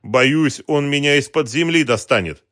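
A man's voice: fairly high pitch, normal speed, fairly bright tone, no echo, studio quality, pitched above the performer's own voice, natural voice. A man reading an audiobook voices a cowardly male writer, pleading in panic. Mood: gloomy fearful. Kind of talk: audiobook character voice.

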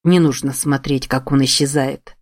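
Woman reading a quiet wise tengu spirit. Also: very deep voice, fairly even intonation, no room sound, clean studio sound, pitched below the performer's own voice. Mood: consoling. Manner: quiet, measured.

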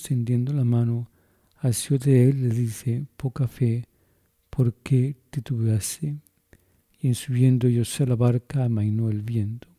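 A man's voice: mid-range voice, dark tone, no room sound. A man, a priest, solemnly reciting Latin Mass prayers and reading the Gospel aloud in Spanish. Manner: slow, solemn intoning.

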